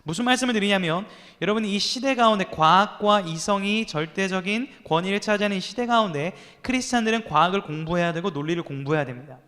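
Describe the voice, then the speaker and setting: Pastor, man, 30s, high voice, youth sermon, storytelling style, long hall reverb. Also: fast, few pauses, sharp tone. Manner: storytelling with acted quotes and rhetorical questions to listeners.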